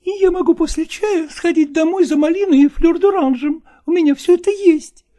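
A man's voice: normal speed, dark tone. A man reading an audiobook, voicing a young actress who is jealous and clingy, pleading and reproachful through tears. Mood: tearful reproach. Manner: high, pleading and reproachful, tearful.

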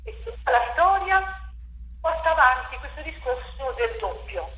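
Speaking unhurriedly but very animated, a woman with a high, fairly bright voice describes her work as a playwright and theatre director in an interview. She reflects aloud, restarting often and using many fillers. The lo-fi recording comes from an echoey room with faint noise.

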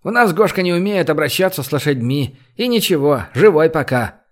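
A male narrator voicing a brash, joking man who leads the group and talks in a loud, bossy way. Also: fairly high pitch, lively intonation, brisk, voice pushed up, lightly acted.

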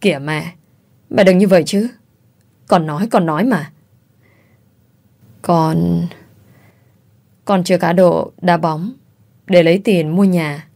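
A woman's voice: on the low side, takes it slowly, pauses often, darkish tone. A woman voicing a pleading young husband in debt. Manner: pleading, defensive.

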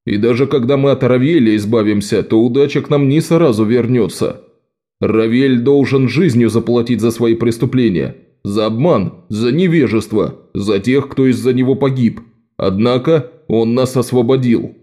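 A man's voice: medium pitch, normal speed, warm tone, natural voice. A man voicing a stern, commanding male ship captain in an audiobook. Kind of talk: audiobook character voice.

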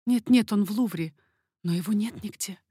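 A woman's voice: medium pitch, normal speed, dark tone, breathy edge, no room sound, clean studio sound. A woman reading as a desperate pleading baroness.

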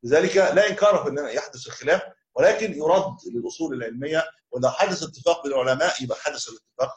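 A man teaching a religious text to a class, joking casually with his students. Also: a little high. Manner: fast, casual banter with students after formal recitation. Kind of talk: lecture on a creed text.

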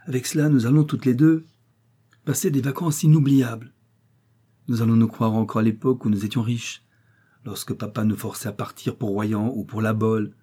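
A man's voice: medium pitch, steady tone, normal speed, mellow, husky, natural voice. A man reading aloud and voicing an anxious, devoted young woman student who speaks in urgent, fretful pleas. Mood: eager.

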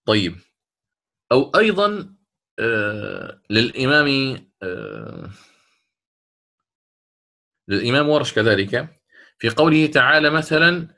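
A middle-aged man teaching Quran recitation rules, explaining a poem step by step and slowing to chant the quoted verses. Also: mid-range voice, big pitch swings, vocal fry, sharp tone. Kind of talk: classroom lesson explaining a didactic poem.

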